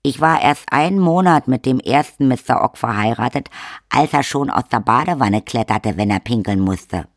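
A man voicing an older village witch woman, shameless, blunt and bossy in a brisk matter-of-fact way. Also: medium pitch, lively intonation, dry recording, clean studio sound, natural voice.

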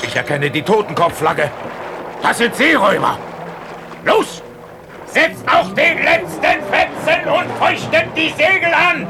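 Anxious male sailor, gravelly, fairly high, full of foreboding and urgency, music behind, sea drama. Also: expressive, unhurried. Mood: alarmed, urgent. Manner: swings from grim warning to urgent cries. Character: anxious, superstitious male sailor on whaling ship. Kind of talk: dramatised audio play acting.

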